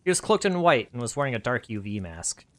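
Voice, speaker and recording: A man reading his own story aloud in an animated way, laughing at his own asides. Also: medium pitch, quick pace.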